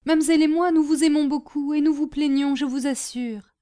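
A woman voicing a devoted, excitable maidservant who exclaims with strong feeling. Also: extremely high pitch, normal speed, voice pushed up. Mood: tearful. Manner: emotional, exclaiming.

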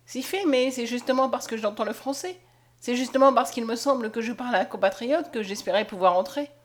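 A frantic young peasant woman begs and weeps in a raised, high voice, as a woman reader puts her on. Audiobook narration, urgent and pleading throughout. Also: brisk, close to an everyday voice. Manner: pleading, tearful. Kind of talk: audiobook character voice.

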